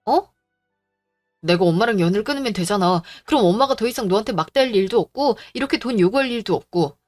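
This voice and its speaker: A woman voicing a gentle, earnest young man in a drama, speaking apologetically to his fiancée. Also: medium pitch, expressive, fast talker, soft background music, lightly acted. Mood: pleading. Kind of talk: Korean audio drama acting.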